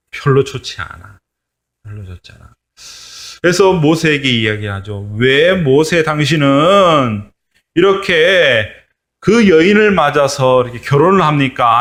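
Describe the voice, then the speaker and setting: A man's voice: mid-range voice, fairly bright tone. A man giving a children's sermon as a pastor, telling a Bible story and asking the children questions.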